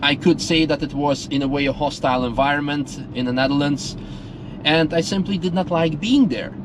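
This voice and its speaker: A man's voice: a little high, normal speed, noisy background. Earnest Russian-born man talking outdoors. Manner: earnest, rambling, with many fillers and restarts. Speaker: vlogger. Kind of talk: reflective casual monologue.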